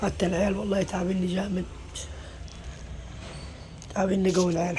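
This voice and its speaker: A woman's voice: fairly low pitch, darkish tone, a little hiss or hum. A middle-aged Egyptian woman, a mother, confiding her worries in a casual vlog, weary and venting, full of pious phrases. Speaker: mother and home vlogger.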